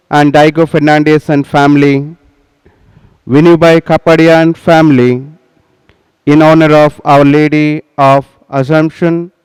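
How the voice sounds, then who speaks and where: A priest, presiding at Mass and speaking into a church microphone in solemn, measured tones. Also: male voice, on the high side, a little mellow, clean tone. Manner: solemn, measured liturgical intoning. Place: large cathedral, indoors. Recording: long reverb of a large cathedral.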